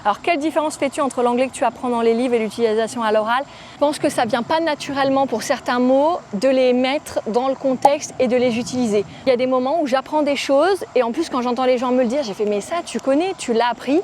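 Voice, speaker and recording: Young French woman vlogger, fairly high voice, casual and chatty, phone recording in a park with faint city noise. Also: fast talker, a little mellow. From France. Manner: chatty, informal, frequent fillers. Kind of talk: casual talk to camera. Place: outdoors in a park. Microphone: phone camera.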